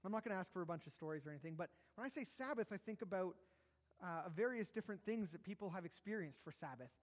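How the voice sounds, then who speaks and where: A man's voice: high voice, lively intonation, fast. A man preaching a sermon, conversational and self-deprecating, with jokes and asides. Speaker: pastor. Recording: long hall reverb.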